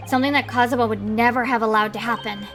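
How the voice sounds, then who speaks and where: A woman's voice: a little high, fairly even intonation, fast, over music, natural voice. Woman reading an earnest, nervous young lawyer. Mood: somber. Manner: earnest, reflective.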